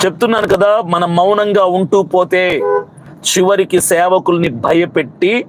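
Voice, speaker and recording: Fiery high-voiced man over traffic noise. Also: steady tone, a little slow, poor audio. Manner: fiery, scolding, piles up repeated rhetorical questions. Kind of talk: impassioned protest speech to camera.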